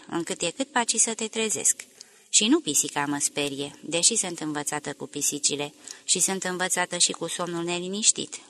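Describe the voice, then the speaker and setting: A woman's voice: deep voice, fairly bright tone, a little hiss or hum. A woman reading the lines of an anxious, tormented young woman in an audiobook, with a pleading, emotional delivery.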